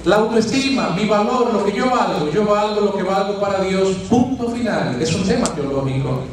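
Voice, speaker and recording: Dominican friar giving a sermon: high-voiced man, questions and homely sayings, caught from afar in a very reverberant church. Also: lively intonation, moderate pace, background noise. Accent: Dominican Spanish. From Dominican Republic. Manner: teaching with rhetorical questions and folksy asides. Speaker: preacher, friar. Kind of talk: sermon at a healing retreat. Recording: very echoey church, distant mic.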